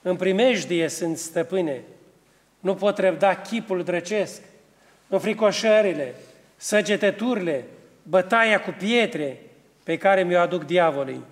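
A man's voice: sits high, in a large hall. A man voicing a frightened young man who begs his master for help, in a plain pleading reading.

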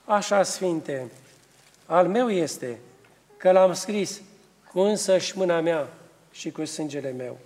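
A man's voice: on the high side, lively intonation, pauses often, darkish tone, in a large hall. A man voicing a frightened young man who begs his master for help, in a plain pleading reading.

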